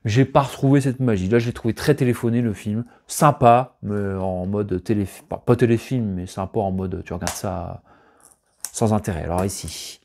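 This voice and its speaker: A man's voice: lowish voice, fairly even intonation, moderate pace, vocal fry, a little mellow. A man chatting casually and rambling about his latest film finds, full of fillers and asides. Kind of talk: casual chat unboxing.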